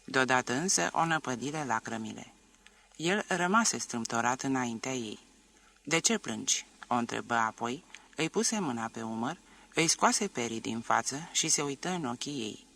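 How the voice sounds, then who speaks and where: Guy narrating an old novel audiobook, gravelly, steady expressive read. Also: medium pitch. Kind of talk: audiobook reading of a classic novel.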